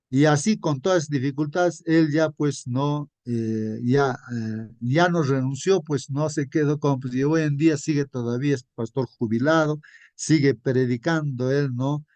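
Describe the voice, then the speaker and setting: A man with a fairly high voice delivers a relaxed, story-driven sermon as a Sabbath school teacher. He keeps checking in with his listeners through short tag questions and calls them brothers. The recording is dry and close, with no room echo. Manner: conversational, adds frequent tag questions.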